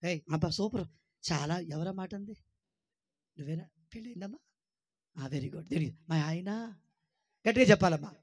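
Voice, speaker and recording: A man with a high-pitched voice delivers a lively sermon as a pastor. He keeps exhorting the congregation with rhetorical questions and calls for praise. He teases and jokes with his listeners along the way. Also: moderate pace, long pauses, slightly rough, dry recording, studio quality. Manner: teasing, joking with listeners.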